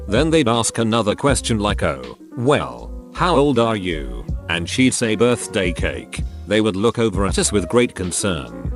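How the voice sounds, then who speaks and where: A man narrating online posts in a lively, expressive reading. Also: on the low side. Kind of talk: scripted narration. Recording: faint background music.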